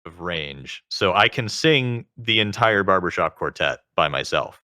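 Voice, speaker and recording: A man with a very low voice that still has a bright, forceful edge. He is a guest in a casual interview. He talks at length, leaning on filler words as he explains. The sound is close and dry. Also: animated, a little slow, no room sound. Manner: talkative, explains at length with lots of "like".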